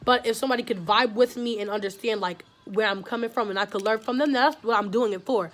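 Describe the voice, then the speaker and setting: A woman's voice: fairly high pitch, fast, a bit bright. A young woman giving her opinions in a casual vlog, heated and rambling, with many likes and fillers. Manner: heated, talks in long run-on streams with many likes. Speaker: vlogger.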